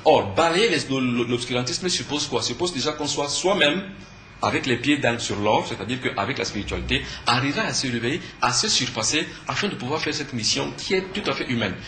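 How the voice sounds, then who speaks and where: Guesting on a TV interview, a Cameroonian spiritual teacher and conference speaker explains things earnestly in a bright, medium-pitched voice with a Cameroonian French accent. He is brisk, emphatic and didactic, with lively intonation, asking questions and then answering them himself. The echoey room carries faint background noise.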